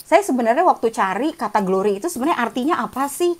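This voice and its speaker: A woman's voice: on the high side, lively intonation, quick pace. A woman in her forties giving a casual, chatty sermon reflection over a video call, self-deprecating and laughing often. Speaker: guest speaker at prayer meeting.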